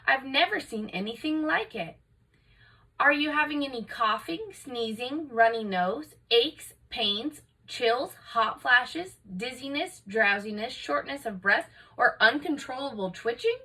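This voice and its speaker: A woman's voice: high-pitched, expressive, unhurried, pushed and bright, husky, recorded from a distance, heavily acted, low-quality recording. A woman voicing a puzzled, fussy male family doctor in a storybook, pondering and matter-of-fact. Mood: intrigued, clinical.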